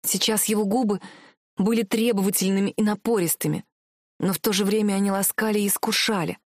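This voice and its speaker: A woman's voice: medium pitch, fairly even intonation, a little fast, no echo. Woman narrating an audiobook, dry sound. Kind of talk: first-person audiobook narration.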